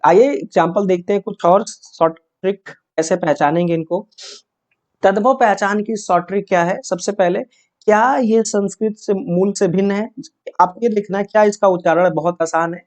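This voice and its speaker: A teacher runs an exam-prep grammar lesson, posing questions and answering them, repeating key points and checking in with tags like "है ना" and "yes or no". The voice is mid-range and darkish, at a moderate pace.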